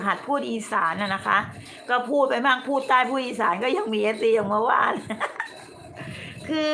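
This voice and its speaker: A woman with a bright, forceful voice that sits a little high, speaking Thai with a Southern lilt blended with Bangkok speech. She chats casually with her fans on a late-night livestream from a room, and she is talkative, blunt and coarse-tongued. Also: a little hiss or hum. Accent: Southern Thai mixed with Bangkok Thai. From Nakhon Si Thammarat, southern Thailand. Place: indoors in a room.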